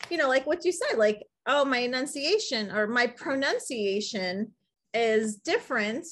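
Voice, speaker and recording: A woman's voice: a little high, lively intonation, measured pace, fairly bright tone. A woman co-hosting a podcast in a casual, chatty style. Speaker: podcast co-host. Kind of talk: casual chat.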